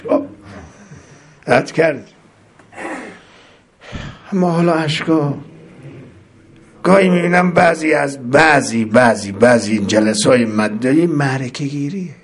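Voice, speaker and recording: A man's voice: pauses often, slight background noise. Impassioned male cleric preaching. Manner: impassioned, swings between loud emphatic rises and low soft passages; chants Arabic supplications then translates them. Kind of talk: sermon.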